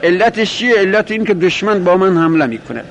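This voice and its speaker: A man teaching a grammar lesson, explaining step by step, asking and answering his own questions, and slowing down to repeat quoted phrases. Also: sits high, lively intonation, a bit bright. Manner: repeats and rephrases terms, slows on quoted Arabic. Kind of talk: classroom lecture explaining a grammar text.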